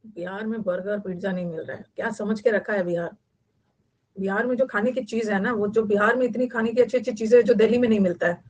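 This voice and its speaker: A woman's voice: mid-range voice, steady tone, quick pace, darkish tone. A woman from Bihar, teaching vocabulary in a chatty online class and repeating key words for note-taking. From Bihar, India.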